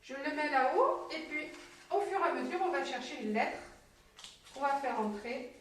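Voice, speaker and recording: A woman's voice: sits high, a little hiss or hum. Patient woman teacher in an echoey room. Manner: slow, encouraging, sounds out syllables. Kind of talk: patient early-literacy lesson. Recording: very echoey room, mic at a distance.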